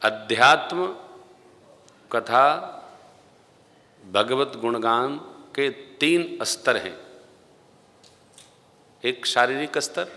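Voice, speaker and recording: A man giving a devotional sermon in a large temple hall, speaking slowly and emphatically into a stage microphone and singing scripture verses. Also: mid-range voice, expressive. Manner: slow, emphatic, rising to loud stressed phrases. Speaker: Ram Katha preacher. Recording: long hall reverb.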